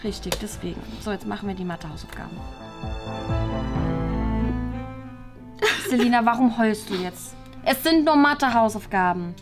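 A woman's voice: medium pitch, lively intonation, fast talker, loud music behind the voice, natural voice. A woman playing a strict, impatient mother who scolds her daughter in a family role-play drama. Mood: stern.

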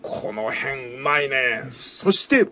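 An older man hosting a radio talk show, commenting on a book in a folksy storytelling way with drawn-out emphatic phrasing. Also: mid-range voice, lively intonation, sharp tone, a little hiss or hum. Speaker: radio host.

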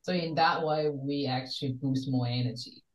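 A woman's voice: a bass voice, normal speed. An older woman from Taiwan, a wellness coach speaking earnestly as a guest on a video call from her home study. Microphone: video call webcam. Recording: roomy webcam sound from a distance.

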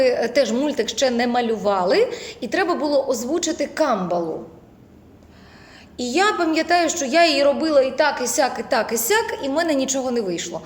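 A woman teaching a voice acting lecture, lively and demonstrative, who keeps slipping into other voices for examples. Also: high voice, reverberant, long reverb tail.

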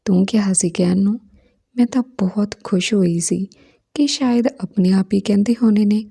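Anxious young wife, soft half-whispered lines, dark mellow voice, husky, woman reading. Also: mid-range voice, moderate pace.

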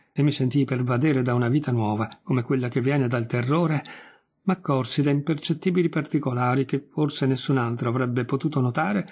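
Gravelly, husky male audiobook reader. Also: on the high side, a little mellow. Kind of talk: literary audiobook narration.

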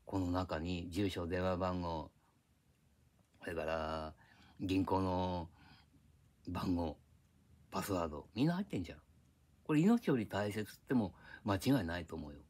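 A man's voice: low-pitched, a little slow, pauses often, darkish tone. Older man rambling. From Japan. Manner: reminiscing, drifting between tangents, gruff casual speech. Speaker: vlogger. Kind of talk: rambling casual monologue. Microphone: iPad.

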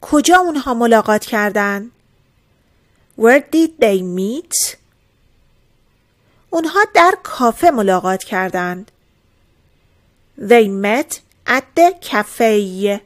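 A woman teaching English irregular verbs, saying each word and example sentence slowly and clearly, then explaining it calmly. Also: a little high. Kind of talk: slow drilled vocabulary lesson.

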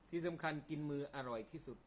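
A man's voice: fairly high pitch, quick pace. Man chatting casually with his mouth full. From Isan, northeastern Thailand. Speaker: food vlogger. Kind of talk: casual mealtime chat to viewers. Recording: clear background noise, birds chirping. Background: birdsong and ambient noise.

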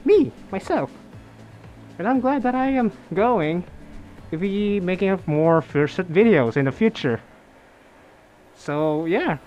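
A man's voice: sits high, expressive, slow, long pauses, darkish tone. A young man, chatting casually in a vlog while talking from inside a fursuit head, repeating words as he goes. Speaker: vlogger. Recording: dull lo-fi audio with faint music.

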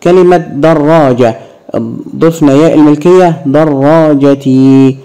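A man with an Egyptian Arabic accent teaching a grammar lesson to young children, drawing out example words slowly. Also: on the high side, mellow, clean tone, rough recording. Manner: slow, drawn-out word demonstrations.

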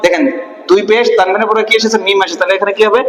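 A male Quran recitation teacher with a Bangladeshi Bengali accent, drilling syllables slowly and asking and answering his own questions. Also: sits high, fairly even intonation, a bit bright. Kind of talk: Quran reading lesson. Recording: echoey room with long reverb.

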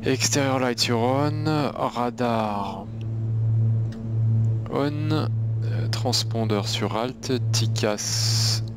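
A man's voice: mid-range voice, drawn-out words, over loud music. A man methodically thinking aloud through flight simulator checklists and radio readbacks as the pilot. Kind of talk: procedural commentary and radio readbacks.

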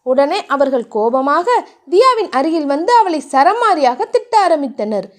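A woman narrating a romance novel chapter in a steady storytelling manner. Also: high voice, normal speed. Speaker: audiobook narrator.

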